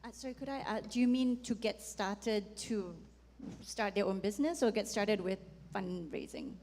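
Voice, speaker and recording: A woman's voice: mid-range voice, lively intonation, normal speed, darkish tone. A woman who founded a company, talking frankly and conversationally on a panel. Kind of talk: panel discussion. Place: conference hall. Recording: long reverb in a conference hall.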